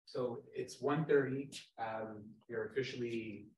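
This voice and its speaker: A man's voice: mid-range voice, a little slow, darkish tone, slight background noise. Distant man moderating in echoey room. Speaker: event moderator. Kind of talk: informal housekeeping announcement.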